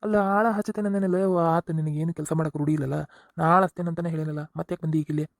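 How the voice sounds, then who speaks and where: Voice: mid-range voice, racing, vocal fry, no room sound, studio quality, natural voice. A performer voicing an exasperated young husband in a cartoon comedy, with a North Karnataka accent, lecturing and scolding. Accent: North Karnataka Kannada.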